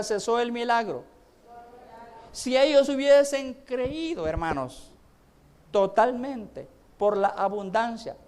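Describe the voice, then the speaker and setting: Honduran male preacher, high resonant voice, leads congregation call-and-response. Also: smooth. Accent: Honduran Spanish. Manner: preaching, calls the congregation to repeat phrases. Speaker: pastor. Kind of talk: sermon. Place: church service.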